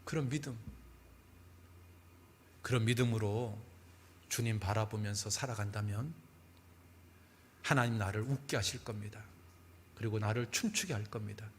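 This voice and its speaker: A male pastor telling stories in a sermon, with animated delivery and dramatic pauses. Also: on the low side, a little hiss or hum. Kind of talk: sermon storytelling.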